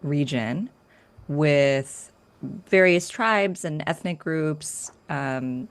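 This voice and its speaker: A woman from Northern California, a guest author in an interview, explaining her research in a clear, structured way. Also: low-pitched, extremely slow. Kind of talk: academic interview.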